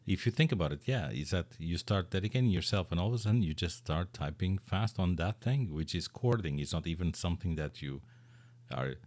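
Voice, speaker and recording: A man's voice: low voice, animated, a little fast, darkish tone, no echo. A man whose first language is Portuguese, hosting a podcast in casual, rambling chat full of repeats. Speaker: podcast host.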